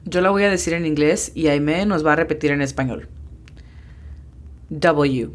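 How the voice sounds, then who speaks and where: Low-voiced woman teaching a patient language lesson. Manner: patient, explains step by step, slows down to spell out sounds. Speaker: English teacher hosting a lesson podcast.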